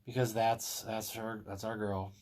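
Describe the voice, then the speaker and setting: A man co-hosting a casual live-stream chat, talking in a relaxed, rambling and wry way. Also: on the low side, a little slow. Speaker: co-host.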